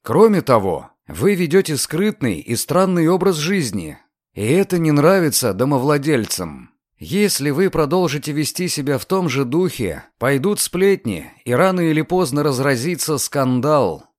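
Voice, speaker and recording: Curious, self-assured young lawyer, read by a male narrator; animated, pressing delivery. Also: fairly high pitch, measured pace, no room sound, studio quality. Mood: insistent.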